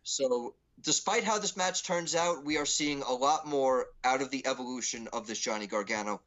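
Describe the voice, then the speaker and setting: A man co-hosting a casual wrestling preview chat, giving playful, animated analysis. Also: medium pitch, moderate pace, low-quality recording. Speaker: co-host.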